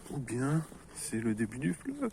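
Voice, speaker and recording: A man's voice: medium pitch, wildly swooping pitch, measured pace, creaky. A man vlogging outdoors in a snowy forest, joking with viewers in a mock-formal explorer manner. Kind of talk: playful mock-explorer commentary. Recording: noisy outdoor recording.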